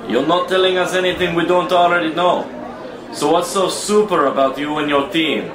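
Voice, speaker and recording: A man's voice: a little high, moderate pace, a crowd in the background, close to an everyday voice. A man playing Batman, a grim, distrustful and commanding hero, in a dramatic table read, with terse, confrontational delivery. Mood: accusing, impatient. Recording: roomy echo with noticeable background noise.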